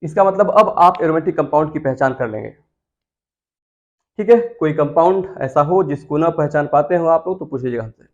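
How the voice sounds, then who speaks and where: A man's voice: fairly high pitch, animated, a little fast, darkish tone, lo-fi sound. Coaxing man teaching chemistry. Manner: coaxing, repeats key terms, asks students questions. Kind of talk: classroom lecture.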